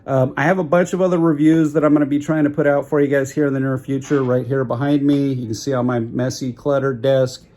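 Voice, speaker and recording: A man talks through a camera review in a loose, conversational way, often correcting his own wording mid-sentence. His voice sits at an ordinary pitch for a man. It is recorded on a phone's built-in microphone. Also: little pitch movement, quick pace, hardly any pauses, dark tone. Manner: chatty, self-correcting, plain-spoken. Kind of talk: casual review talk. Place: outdoors at a busy roadside eatery. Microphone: built-in phone mic. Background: traffic and chatter.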